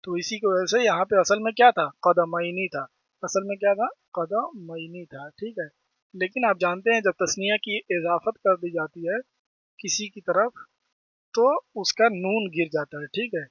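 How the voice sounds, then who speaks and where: Brief: man with a delivery, high voice, teaching grammar with a dry, dull lo-fi sound. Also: dry recording. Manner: repeats terms, asks and answers own questions. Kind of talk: explaining grammar lesson.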